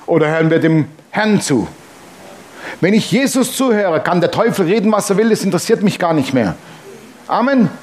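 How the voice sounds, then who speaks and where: A man's voice: sits high, darkish tone. A man preaching a sermon in standard German, emphatic, asking the congregation questions and dropping joking asides between scripture readings. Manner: jokes and asides while reading scripture aloud. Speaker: pastor.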